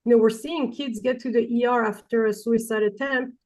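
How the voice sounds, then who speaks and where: A woman with a light, delicate voice hosts an online talk, introducing it hesitantly with many pauses. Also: fairly high pitch, steady tone, darkish tone. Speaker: webinar host.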